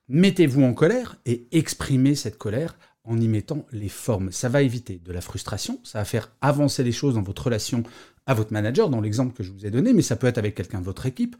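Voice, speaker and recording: A man's voice: mid-range voice, mellow, breathy edge. A middle-aged man hosting a solo podcast about work life, talking conversationally and explaining with asides. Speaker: podcast host.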